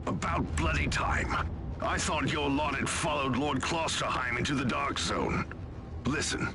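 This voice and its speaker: A gruff, impatient commander in a sci-fi video game, a zealous man with a slightly high voice. Clear noise runs behind him. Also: fairly even intonation, measured pace. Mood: indignant, defiant. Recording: noisy game ambience.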